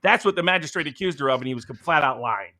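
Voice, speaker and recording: A man's voice: on the high side, lively intonation, fast, sharp tone. A man co-hosting a political commentary show, talking emphatically and sarcastically. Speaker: co-host.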